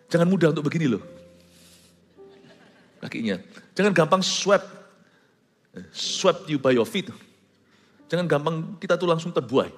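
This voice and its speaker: A male pastor preaches in a high, animated voice, mixing English phrases into his sermon with joking asides. His voice rings through a large hall with a long reverb, and faint music plays underneath. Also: slightly rough.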